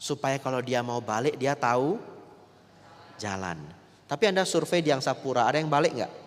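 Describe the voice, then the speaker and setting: A man, a Buddhist monk giving a lively dharma talk that often turns to the audience. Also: medium pitch, moderate pace. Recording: long reverb of a large hall.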